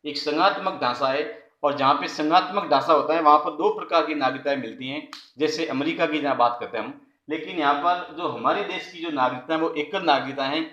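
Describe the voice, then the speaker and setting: A man giving an online class lecture as a college political science lecturer, explaining step by step, repeating key phrases and pausing on "uh". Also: fairly high pitch, pushed and bright, roomy sound, lo-fi sound.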